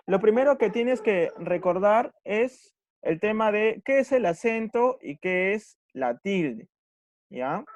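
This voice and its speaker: In a recorded grammar lesson, a man with a high-sitting, darkish voice teaches patiently. He stresses syllables slowly and checks in with his students after every point.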